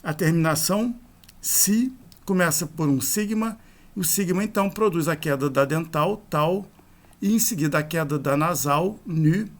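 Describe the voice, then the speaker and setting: A man's voice: a little high, normal speed. A man teaching a grammar lesson, explaining forms one by one in a methodical, explanatory way. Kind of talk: slow grammar lecture.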